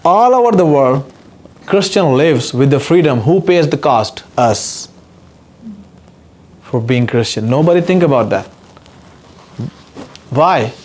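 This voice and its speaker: A man's voice: on the high side, darkish tone. A man from Pakistan with a Pakistani accent, giving an earnest, emotional personal testimony as an activist guest speaker. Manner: earnest, impassioned, repetitive emphasis.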